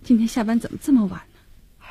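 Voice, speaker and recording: An actress playing a protective, anxious young wife and mother who fusses and gently scolds. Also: a little high, fast talker, breathy edge, no room sound. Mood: fretful, homely. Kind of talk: radio drama acting.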